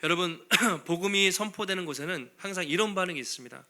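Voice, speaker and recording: A man preaching a Sunday sermon as a pastor, animated and laughing lightly between phrases, acting out the cries of biblical figures. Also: high voice, quick pace. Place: church sanctuary.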